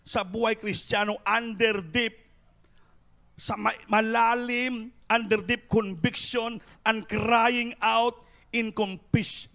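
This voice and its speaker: Man, Filipino accent, preacher, very high voice, fervent sermon, calm explaining turning to shouted exhortation. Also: gravelly. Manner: impassioned, swings from soft explaining to shouted exhortation; mixes Tagalog and English.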